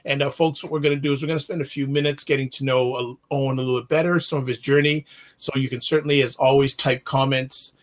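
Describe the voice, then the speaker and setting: A man's voice: medium pitch, steady tone, fast talker. A man from Canada hosting a live online talk show, reading a formal introduction of his guest and then chatting loosely with him. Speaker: host.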